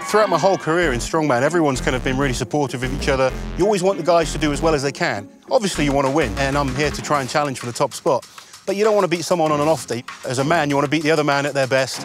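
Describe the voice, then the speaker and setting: A man, a strongman athlete, speaking confidently and earnestly in an outdoor interview. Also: mid-range voice. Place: outdoors by thatched huts. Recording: music under the interview.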